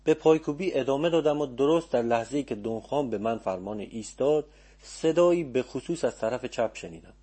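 In a calm, measured manner, a man reads a story aloud for an audiobook. His mellow, warm voice carries a husky edge and sits at a typical middle pitch.

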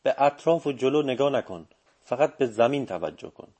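A man's voice: mid-range voice, expressive, darkish tone, lightly acted. A man reading the lines of a teasing, commanding old male sorcerer in an audiobook, firm and full of authority.

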